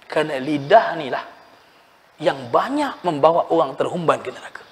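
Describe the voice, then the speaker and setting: Preacher, male, high-pitched, animated sermon storyteller, reverberant mosque sound. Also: normal speed. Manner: animated storytelling, addresses listeners as "tuan-tuan". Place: mosque hall. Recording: long reverb in a mosque hall.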